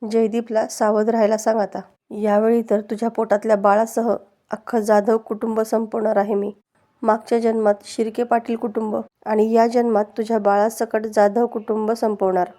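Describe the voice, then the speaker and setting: Scheming woman villain, read by a woman narrator, flat, slightly high. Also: moderate pace, close to an everyday voice. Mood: menacing. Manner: mocking, threatening in low tones.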